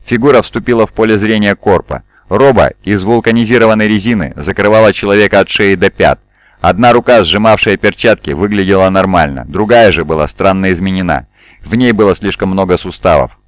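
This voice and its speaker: A man reading an audiobook in a measured, even narration. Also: lowish voice, dry recording. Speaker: audiobook reader. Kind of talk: scripted narration.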